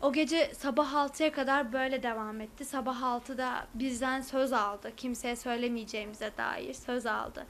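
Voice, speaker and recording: A woman's voice: fairly high pitch, fairly even intonation, moderate pace, hardly any pauses, a bit bright, slight background noise. A young woman, a university student, giving testimony to a news camera with hesitant filler sounds. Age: young adult.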